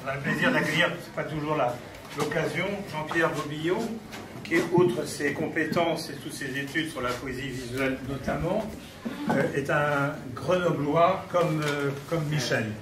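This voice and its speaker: A man's voice: a little high, steady tone, normal speed. A man hosting a live poetry evening, introducing guests in a casual, hesitant way. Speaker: event organizer and host. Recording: echoey room, far from mic, noisy.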